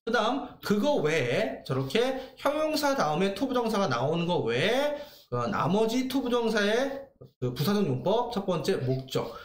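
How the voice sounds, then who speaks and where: A man teaching English grammar in a lively lecture, asking questions and answering them himself. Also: sits high, roomy sound. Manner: lively, asks and answers his own questions.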